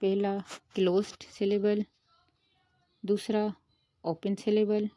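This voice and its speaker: A woman, the host of her own channel, who explains a grammar lesson in a steady, patient way and mixes English terms into her Hindi. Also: mid-range voice, slow pace. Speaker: teacher.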